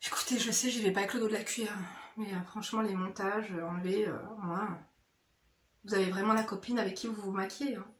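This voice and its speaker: A woman of medium pitch speaks quickly with fairly even intonation, with slight background noise audible. She's a beauty vlogger in a casual get-ready-with-me makeup chat, addressing her viewers directly in a familiar, slangy way and often saying "hein," and the indoor room echoes.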